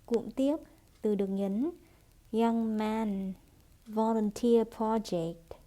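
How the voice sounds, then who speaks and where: A woman teaching English pronunciation, reading phrases aloud at a slow, unhurried pace. Her voice is soft and mellow. She models each phrase deliberately for students to repeat. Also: fairly high pitch. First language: Vietnamese. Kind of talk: pronunciation drill lesson.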